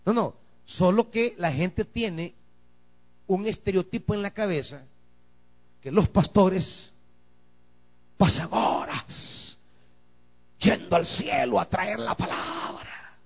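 Fervent high-pitched pastor. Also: male voice, takes it slowly, creaky, pauses often. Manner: swings from quiet asides to shouted emphasis, calls to the congregation. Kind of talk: sermon.

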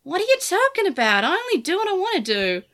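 A woman's voice: very high-pitched, sing-song, fast talker, fairly bright tone, pitched above the performer's own voice, full character voice. A woman voicing a hot-headed young male Digimon partner, bristling and bitter. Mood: defiant.

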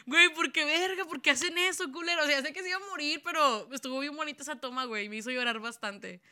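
A young woman with a Mexican accent, co-hosting a podcast in animated, slangy casual chat, laughing often. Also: sits high, fast. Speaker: podcast co-host.

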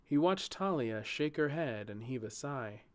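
A man narrating a fantasy story as an audiobook with an expressive, lively reading; he also hosts his own channel. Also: mid-range voice, a little slow.

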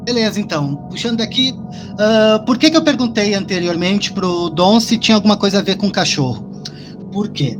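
A man spins a personal story in loose, profane, animated chat on a podcast. Music plays clearly behind him the whole time. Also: sits high, moderate pace. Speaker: podcast co-host telling a story.

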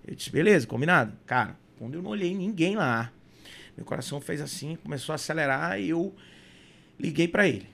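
Gravelly high-pitched man telling stories. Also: a little fast. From Brazil. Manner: animated, acts out dialogue. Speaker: podcast guest. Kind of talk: casual storytelling.

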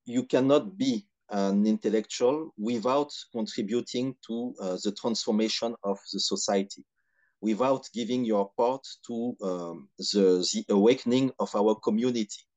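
A man from Benin with a Beninese French accent gives reflective interview answers in measured, hesitant phrases with frequent pauses. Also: fairly low pitch, a little mellow. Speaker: podcast guest, historian and activist.

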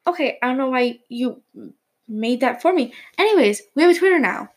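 A woman's voice: high-pitched, lively intonation, brisk. A teenage girl co-hosting a podcast, making show announcements in casual chat, flustered and stumbling over her words. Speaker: podcast co-host.

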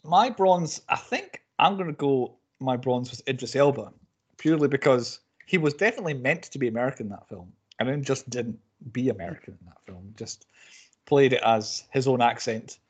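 Husky-voiced guy running a movie podcast, chatty and rambling, trips over his words. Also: mid-range voice, normal speed. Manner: animated, rambling, self-correcting. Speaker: podcast host. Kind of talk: casual film podcast chat.

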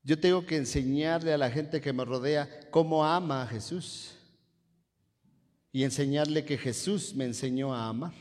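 A man's voice: a little high, normal speed, darkish tone, in a large hall. A man preaching a sermon, constantly quizzing the congregation and waiting for them to answer. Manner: call-and-response, quizzing the congregation.

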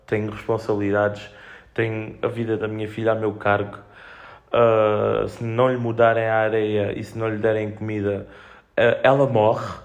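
A man's voice: on the low side, flat delivery, normal speed, muffled recording. A young man with a European Portuguese accent, chatting casually on his own in a slangy, sweary, joking way, telling rambling anecdotes as a podcast host.

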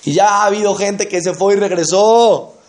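A man giving an animated sermon, telling stories and asking the audience rhetorical questions. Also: high voice, normal speed. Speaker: religious teacher.

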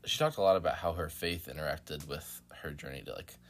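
A man co-hosting a sports podcast, talking informally and a bit haltingly, with "like" dropped in often. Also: very deep voice, a little hiss or hum. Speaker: podcast co-host. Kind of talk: casual sports podcast chat.

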